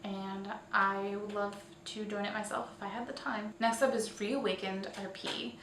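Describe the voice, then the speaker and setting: A middle-pitched woman with a fairly bright tone presents a weekly online roleplay community show as an informal roundup. She's chatty but a bit unsure and quick to fix her own words. The recording has echo, a distant mic and faint hiss.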